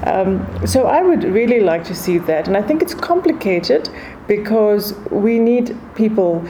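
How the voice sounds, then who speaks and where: A woman's voice: medium pitch, very animated, measured pace, mellow, a little hiss or hum, low-quality recording. A woman from South Africa's east coast with a Durban Indian accent, explaining things thoughtfully as a guest in a conversational interview. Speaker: podcast guest, food and wine expert.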